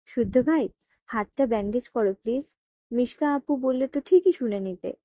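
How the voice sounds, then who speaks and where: A stubborn, tearful young woman read by a woman narrator in an audio story, sniffling and pleading. The voice is fairly high and mellow, with a close, dry sound. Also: moderate pace, no room sound, natural voice.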